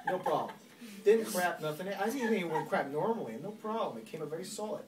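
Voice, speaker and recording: A man's voice: high-pitched, animated, quick pace. A young man telling a rambling, funny story to friends, laughing through his words and putting on other people's voices. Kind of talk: casual story told to friends. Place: room with a group of friends. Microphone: phone recording from across the room. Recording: roomy, distant phone recording with loud crowd. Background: friends laughing and talking.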